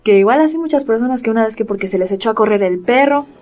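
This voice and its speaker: A woman's voice: fairly high pitch, expressive, racing, a little mellow. A young woman with a Mexican accent chatting on a podcast, animatedly retelling a creepy story in reported speech. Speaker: podcast co-host. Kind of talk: casual storytelling chat.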